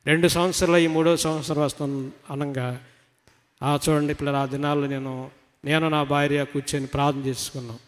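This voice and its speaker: A middle-aged man pours out a fervent personal testimony to a church retreat congregation. His fairly high voice surges into loud emphatic cries, then drops to soft, low asides. Everything rings with the long reverb of a large hall. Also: level tone, brisk.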